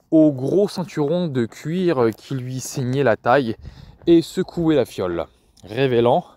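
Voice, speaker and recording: A man's voice: fairly high pitch, a little mellow, no room sound. Man reading a novel aloud. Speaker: audiobook reader. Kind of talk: scripted narration.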